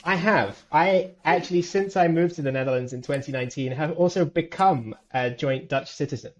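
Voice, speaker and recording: A man's voice: a little high, moderate pace, dull audio. A man from the UK introducing himself as a guest researcher, polite and articulate. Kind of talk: self-introduction in interview.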